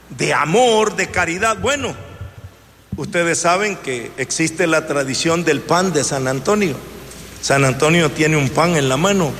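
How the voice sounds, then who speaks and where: A man in his seventies preaching a sermon in a slow, emphatic way, with rising exclamations. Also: high-pitched, fairly bright tone. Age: 70s. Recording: hall reverb with faint noise.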